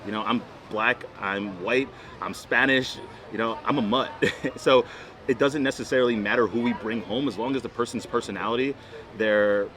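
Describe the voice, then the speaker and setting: An emphatic young man from Florida in his twenties chats casually as the boyfriend in a couples Q&A vlog. His mid-range voice has a fairly bright tone and a moderate pace.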